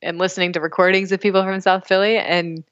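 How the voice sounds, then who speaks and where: A woman's voice: on the low side, level tone, quick pace, clear, resonant tone, muffled recording. A woman language researcher answering interview questions with enthusiasm.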